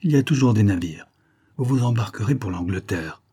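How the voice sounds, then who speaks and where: A man's voice: fairly low pitch, animated, a little fast, dark tone, slightly rough. A man voicing a shrewd, good-natured old country farmer who talks in a knowing, folksy, insistent way.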